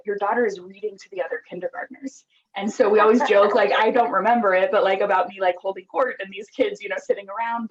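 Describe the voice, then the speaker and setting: A woman whose voice sits on the low side is heard through a muffled recording. In her thirties and from Costa Rica, this app founder talks reflectively as a podcast guest, candid and earnest, dropping many ums and likes.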